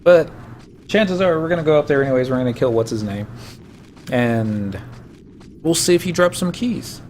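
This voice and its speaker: A man's voice: a little high, animated, normal speed, a little mellow, a little hiss or hum. A man giving casual, rambling commentary while he plays a video game, telling old stories from the game. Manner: rambling, anecdotal storytelling. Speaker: gameplay streamer.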